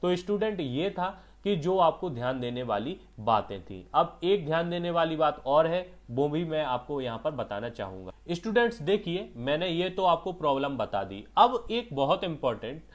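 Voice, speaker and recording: Hindi-speaking male typing tutor, higher voice. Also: very animated, moderate pace, hardly any pauses. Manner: explanatory, repeats points, asks and answers own questions. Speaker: typing and shorthand teacher. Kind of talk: online exam-prep lesson.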